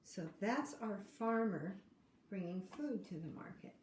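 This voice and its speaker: An older woman with a grandmotherly, encouraging manner reads a picture book aloud to young children, explaining things simply and asking questions along the way. Her mid-range voice is expressive, unhurried and a little mellow. The room has a roomy echo and faint background noise.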